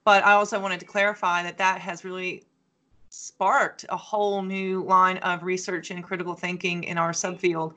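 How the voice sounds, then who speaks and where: A woman hosting an academic interview, a sociology teacher who talks with enthusiasm and animated asides. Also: on the low side, normal speed. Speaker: podcast host, sociology teacher.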